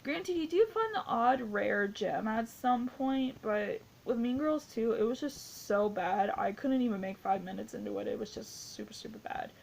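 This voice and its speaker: A woman's voice: a little high, normal speed, creaky, few pauses, a little mellow. A woman in her twenties giving a casual spoken movie review, rambling and gushing with many fillers. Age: 20s. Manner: rambling, gushing, heavy use of "like".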